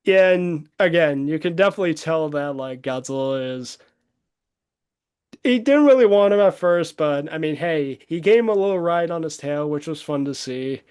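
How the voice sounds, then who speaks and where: Man, casual chat, rambling, smooth clear voice, slightly high. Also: expressive, normal speed, darkish tone. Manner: rambling, laughs often, many fillers. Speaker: co-host.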